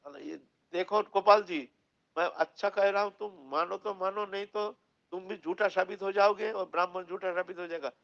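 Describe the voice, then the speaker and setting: A man's voice: sits high, fairly even intonation, moderate pace, a bit bright, lo-fi sound. A man voicing a stubborn young brahmin who pleads and scolds. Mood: pleading. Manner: pleading, then threatening and scolding.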